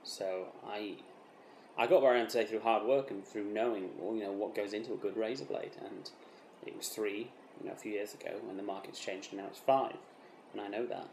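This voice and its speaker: Close to an everyday voice, this lowish-voiced man portrays a self-important British razor developer in a mock documentary interview. His improvised-sounding monologue mixes deadpan, earnest boasting and false modesty with defensive halts and repetitions. Faint noise and a roomy echo surround him.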